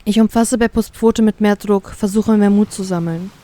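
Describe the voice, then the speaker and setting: A woman narrating a first-person fanfiction story in a calm, even storytelling manner. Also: medium pitch, normal speed. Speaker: reader.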